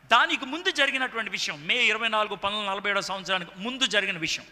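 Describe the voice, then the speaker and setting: High, bright-voiced man preaching in a hall. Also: racing. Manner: animated storytelling, repeats lines for emphasis, mixes in English phrases. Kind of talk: sermon. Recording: long hall reverb.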